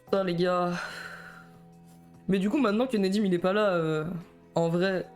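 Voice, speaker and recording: A young man with a Belgian French accent chats casually on a live stream, nervous and poking fun at himself. He stammers and rambles between laughs in a high voice, with a steady tone at a moderate pace. Soft music plays in the background.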